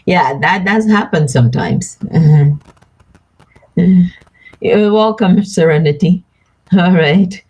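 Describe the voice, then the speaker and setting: Slow, low-voiced woman reading angel cards. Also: darkish tone, breathy edge, muffled recording. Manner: slow, soothing, chats with viewers by name. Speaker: card reader and live stream host. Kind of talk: live stream chat, reading cards.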